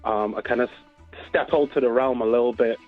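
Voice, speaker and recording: A man with a Barbadian accent, who owns a dessert business, chats casually as an interview guest. His medium-pitched voice is fairly even in intonation and a little fast, heard over a tinny, phone-like line with faint music behind it.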